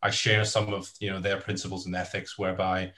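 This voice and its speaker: A young man who grew up in the United Kingdom, hosting a podcast over a video call from a home office, encouraging his guest and pausing often with "um". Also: low-pitched, little pitch movement. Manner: warm, encouraging, halting with "um". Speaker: podcast host. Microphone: video call webcam.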